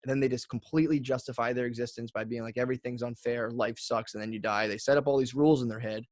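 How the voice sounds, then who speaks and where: A man's voice: mid-range voice, fairly even intonation, quick pace, darkish tone, dry recording, clean studio sound. A man in his thirties, a podcast guest talking in a rambling casual way with many fillers. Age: 30s.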